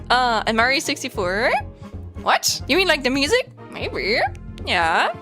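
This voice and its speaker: A woman's voice: high voice, sing-song, slow pace, bright, forceful tone. A young woman from West Germany with a German accent, chatting casually and rambling with many fillers on a stream, music playing behind her. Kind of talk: casual chat.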